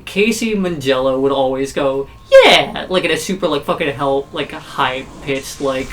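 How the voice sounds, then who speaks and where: A man's voice: medium pitch, moderate pace, slight background noise. A man with a slight speech impediment, telling rambling, sweary stories emphatically in casual chat. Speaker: member of a group playing a video game.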